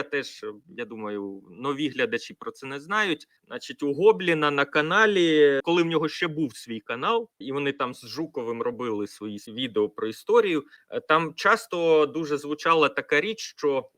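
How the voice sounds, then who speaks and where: A man's voice: a little high, fairly bright tone, no room sound, studio quality. A man streaming, casually answering viewer questions and explaining word origins with many fillers.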